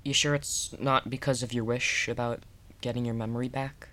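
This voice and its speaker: Low-voiced, earnest young boy. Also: steady tone, moderate pace, a bit bright. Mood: concerned. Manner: earnest, inquisitive. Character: science-loving young brother, curious and caring. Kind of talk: audio drama acting. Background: music.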